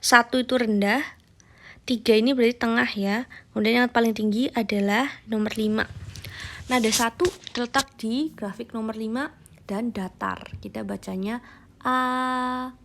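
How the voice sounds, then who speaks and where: A woman's voice: a little high, fairly even intonation, normal speed. A young adult woman teaching a recorded language lesson, explaining tones patiently and modelling each syllable aloud. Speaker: Mandarin teacher.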